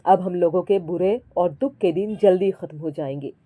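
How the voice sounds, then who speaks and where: A woman voicing a grown son who speaks softly and plainly to his mother. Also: on the low side, normal speed, no room sound, natural voice. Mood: eager. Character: grown son, eager young man.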